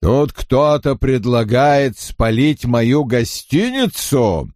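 A calm innkeeper and village mayor, as a male reader puts him on, speaking slowly in a soft, insinuating tone. His voice is close to an ordinary man's, deliberate and unhurried. Dry, close sound. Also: mid-range voice, no echo.

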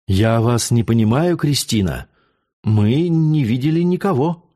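A man's voice: medium pitch, animated, unhurried, warm tone. A man playing an earnest young nobleman. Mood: puzzled.

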